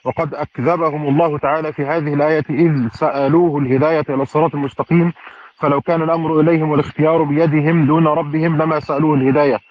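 A man's voice: fairly high pitch, little pitch movement, rapid-fire, highs cut off. A man reading a classical commentary aloud in a study circle, with fluent, formal delivery and careful vowel endings.

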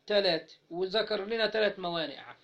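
A fairly high-pitched man with an Egyptian Arabic accent teaches grammar, leaving gaps for his students to fill and drawing out example words slowly. The recording is dull and lo-fi. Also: vocal fry, a bit bright. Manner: prompts students to finish his sentences. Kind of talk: interactive grammar lesson.

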